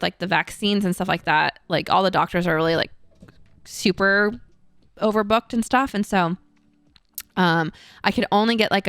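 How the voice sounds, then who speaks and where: Young woman co-host, smooth dry voice, animated and rambling casual chat. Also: dry recording. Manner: rambling, animated storytelling with frequent fillers; acts out quoted voices in a higher pitch. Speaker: streamer and co-host.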